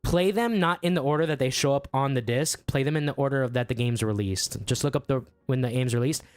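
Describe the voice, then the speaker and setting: A young man chatting casually as a guest, excitable, swearing freely and laughing often. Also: mid-range voice, quick pace, clean tone, no echo, studio quality. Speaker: guest musician and streamer. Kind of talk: casual podcast chat.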